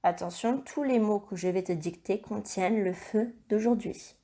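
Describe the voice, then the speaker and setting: A woman teacher recording a video lesson for young children, dictating words slowly and clearly and encouraging the child. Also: medium pitch, warm tone. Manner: slow, clear dictation with stretched syllables; encouraging, addresses the child directly. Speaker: primary school teacher.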